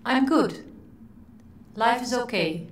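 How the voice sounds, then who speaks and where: A woman playing a calm, self-assured woman artist who speaks in a poised, declamatory manner. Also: a little high, slow, a little hiss or hum. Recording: roomy echo.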